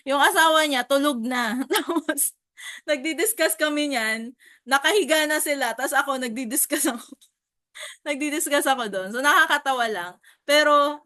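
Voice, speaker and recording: A young Filipino woman telling a story about her work with clients in a chatty, animated way, often turning to her viewers. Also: fairly high pitch, dry recording. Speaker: insurance agent. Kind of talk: casual storytelling vlog.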